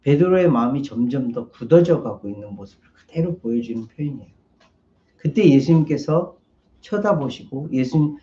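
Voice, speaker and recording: A male pastor preaching with a mellow, fairly high voice. He acts out each character's lines by raising his voice. The recording echoes around the church and sounds a little dull. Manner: acts out the maid's and Peter's lines in a raised voice. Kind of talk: sermon. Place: church sanctuary.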